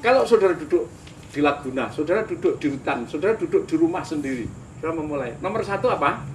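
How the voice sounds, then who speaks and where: A man's voice: on the high side, animated, fast talker, darkish tone, slight background noise. An older man with a Javanese accent, teaching a sermon-style lecture as a pastor, telling stories animatedly with asides and chuckles. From Indonesia.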